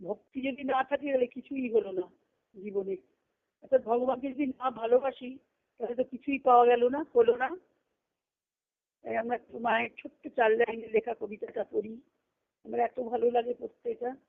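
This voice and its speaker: A spiritual discourse speaker talks earnestly to a group on a phone conference call, repeating phrases for emphasis. Her fairly high voice carries vocal fry and a steady tone at normal speed, broken by long pauses, and the line sounds tinny and narrowband.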